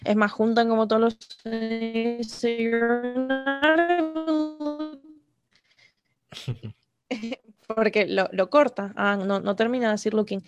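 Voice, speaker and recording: A woman's voice: fairly high pitch, little pitch movement, unhurried, dull audio, faint music behind. A woman co-hosting a podcast over a video call in a Rioplatense Spanish accent, chatting casually, laughing often and acting out quoted lines. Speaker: podcast co-host. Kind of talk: casual chat. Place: home, remote call.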